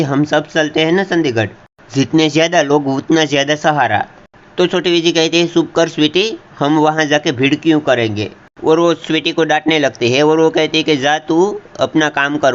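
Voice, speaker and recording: Higher-voiced man recapping a serial. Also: clean tone. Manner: retells scenes in a steady storytelling flow, often with "then she says"; addresses viewers as friends. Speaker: channel host recapping a TV serial. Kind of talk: casual episode recap narration. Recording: dull lo-fi recording.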